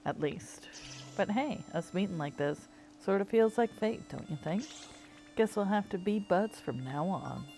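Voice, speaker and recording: A woman's voice: mid-range voice, expressive, a little slow, mellow, soft background music. A woman voicing a friendly burrowing mole creature in a casual, buddy-like reading.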